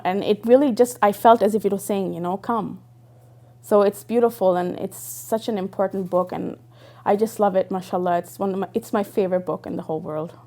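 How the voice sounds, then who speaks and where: Her voice medium in pitch and mellow, a young woman brought up in Dubai recounts her life as an interviewee. The testimony is earnest and reflective, punctuated by frequent fillers and restarts.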